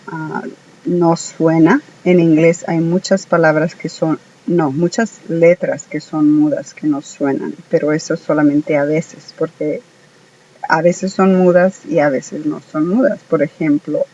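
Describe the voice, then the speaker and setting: A speaker giving a home-made English lesson, hesitant, with many filler sounds and slow, careful repetition of words. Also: mid-range voice, little pitch movement, a little mellow, recorded from a distance, highs cut off. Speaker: English teacher.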